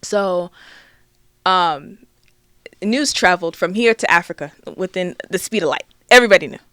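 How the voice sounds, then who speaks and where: A woman's voice: on the low side, animated, normal speed, fairly bright tone, clean tone, no room sound, clean studio sound. A woman guest in a casual interview, telling a personal story animatedly and acting out her family's voices.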